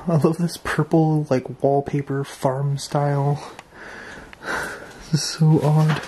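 A man hosting an exploring vlog, walking through an abandoned farmhouse and reacting with excited, wondering remarks into his camera mic. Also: fairly high pitch, slow, slight background noise. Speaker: urban explorer host. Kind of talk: walkthrough vlog narration. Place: abandoned stone farmhouse, indoors.

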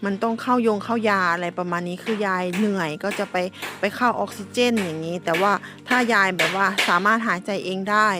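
Brief: middle-aged woman, casual chatty vlogger, even middle pitch, faint music underneath. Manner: chatty, polite, many fillers and restarts. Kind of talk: casual vlog chat to viewers.

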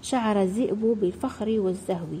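Mellow woman reading a children's story. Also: medium pitch, fast talker, slight background noise. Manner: addresses children directly, expressive reading. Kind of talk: scripted story narration for children.

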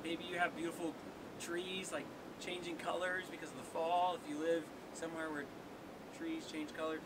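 High-voiced upbeat man coaching a workout. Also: animated, normal speed. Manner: upbeat, joking, counting down. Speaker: workout host. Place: small seaside cave outdoors. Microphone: camera on tripod at a distance. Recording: noisy outdoor recording with wave rumble.

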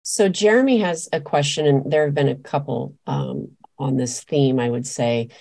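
Deep-voiced woman moderating a webinar. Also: sing-song, normal speed, creaky, dark tone. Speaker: webinar moderator reading questions. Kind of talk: reading out audience questions.

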